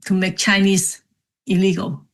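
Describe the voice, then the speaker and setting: A woman's voice: medium pitch, monotone, measured pace. A middle-aged woman from Cambodia, a book author, recalling her childhood in a reflective, casual interview with many fillers. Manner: reflective, storytelling with frequent fillers. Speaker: author and podcast guest.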